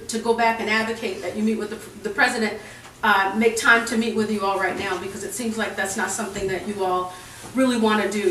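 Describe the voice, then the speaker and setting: A woman's voice: fairly high pitch, sharp tone, distant mic, a little hiss or hum. A woman administrator speaking firmly and measuredly to student protesters, with frequent restarts. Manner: measured, firm, repetitive restarts. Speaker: university administrator. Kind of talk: tense negotiation with protesters. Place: indoor stairwell. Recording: echoey stairwell, recorded from afar.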